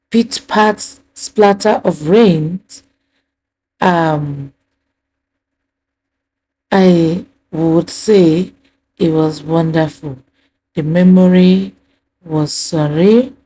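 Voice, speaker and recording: Slow, mellow-voiced woman vlogger. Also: fairly low pitch, a little hiss or hum. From resident of Qatar. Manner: slow, warm-hearted, with drawn-out phrases and soft laughs. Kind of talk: casual vlog narration. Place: out and about in rainy weather.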